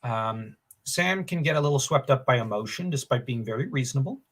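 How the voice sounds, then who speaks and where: A man's voice: medium pitch, lively intonation, brisk, a bit bright. A man co-hosting a casual book discussion podcast, enthusiastic and opinionated, thinking aloud with fillers. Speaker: podcast co-host.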